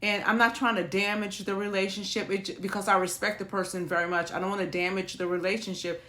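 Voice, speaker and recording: A woman's voice: medium pitch, fairly even intonation, fast talker, sharp tone. A woman hosting a perfume vlog, talking to viewers in a chatty, reflective, rambling way with restarts. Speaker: perfume channel host. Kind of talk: casual chat to viewers.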